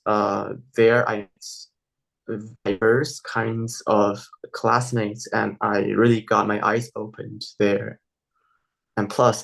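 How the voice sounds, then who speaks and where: Young guy w taiwanese accent, halting, restarts a lot, casual interview. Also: on the low side, gravelly, rough recording. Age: young adult. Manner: hesitant, many fillers and restarts. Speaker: interview guest.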